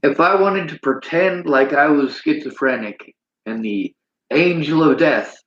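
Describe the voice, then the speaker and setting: A man's voice: a little high, a little slow, fairly bright tone, lo-fi sound. Preachy livestreaming man, roomy sound. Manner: preachy, reads chat aloud. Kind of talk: livestream monologue.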